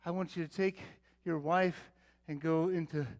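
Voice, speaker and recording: A man's voice: a little high, steady tone, normal speed, a little mellow, natural voice. Abraham, a man playing a weary old patriarch. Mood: earnest storytelling. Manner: theatrical monologue, calling out, then tender and confiding. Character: aging male patriarch Abraham, weary and devoted father. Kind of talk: dramatic Bible-character monologue.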